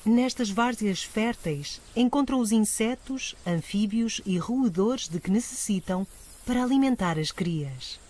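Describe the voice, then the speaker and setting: A woman with a European Portuguese accent reads scripted nature documentary narration in a measured, articulate storytelling manner. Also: mid-range voice, expressive, darkish tone. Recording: music bed under voice. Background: music.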